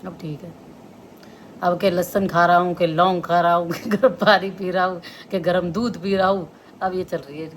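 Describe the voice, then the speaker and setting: A woman's voice: on the low side, steady tone, normal speed, a little hiss or hum. A middle-aged woman, chatting casually to her viewers and laughing often as she talks. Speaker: vlogger.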